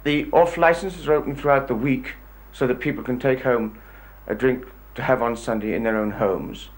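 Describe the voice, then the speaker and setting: A man's voice: medium pitch, normal speed, poor audio. A man making a persuasive case as a campaigner, in emphatic phrases with repeated patterns. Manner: emphatic, repetitive list-like phrasing. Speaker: campaign leader. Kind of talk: persuasive interview statement.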